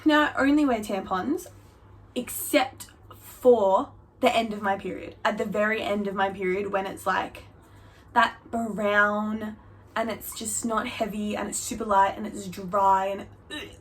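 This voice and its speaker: A young woman vlogger chatting candidly to camera, her voice jumping up high for emphasis. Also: fairly even intonation, measured pace. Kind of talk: casual storytelling to camera.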